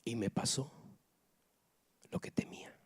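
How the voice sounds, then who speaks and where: Whispering and unhurried, a middle-aged man from Guatemala shares an emotional testimony in church. His delivery moves back and forth between hushed and loud.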